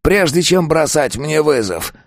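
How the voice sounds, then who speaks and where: A man's voice: a little high, very animated, unhurried, gravelly, no echo, clean studio sound, voice pushed up, full character voice. Man doing a scolding wounded old man. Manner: scolding, grumbling.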